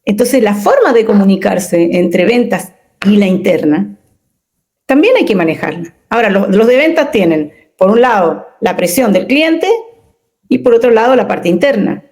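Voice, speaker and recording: A woman speaking as a communication consultant in an interview, expressive and emphatic, often asking rhetorical questions. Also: medium pitch, moderate pace. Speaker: communication consultant and workshop leader. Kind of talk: interview conversation.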